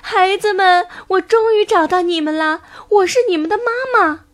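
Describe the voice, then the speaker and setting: A woman's voice: very high voice, normal speed, pitched above the performer's own voice. A woman doing a joyful mother frog. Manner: lively, cheerful.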